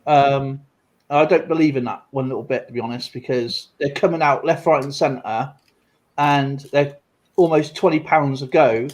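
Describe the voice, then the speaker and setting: A man's voice: mid-range voice, moderate pace, rough recording. Rambling man chatting casually. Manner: rambling, many fillers and restarts. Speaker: streamer and coin collector. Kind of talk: casual live-stream chat.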